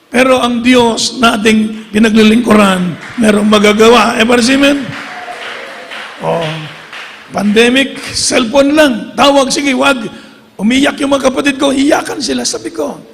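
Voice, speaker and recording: A woman's voice: on the high side, fairly even intonation, measured pace, creaky. A middle-aged woman preaching a fervent sermon in a church, calling again and again for amens and applause and mixing English scripture lines into her words. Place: church hall. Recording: long echo of a church hall.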